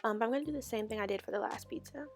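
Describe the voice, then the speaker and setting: A woman's voice: fairly high pitch, rapid-fire, over loud music. A woman narrating her home cooking video, walking viewers through each step in a friendly way. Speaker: cooking vlogger.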